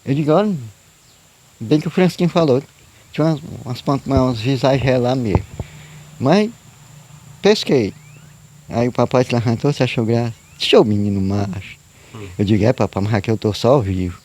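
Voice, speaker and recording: This man speaks at medium pitch with lively intonation and a slightly mellow tone, moving at a moderate pace and pausing often. As a storyteller guest, he relates a true story casually, rambling and repeating himself in folksy fashion with frequent "né?" and "eu digo."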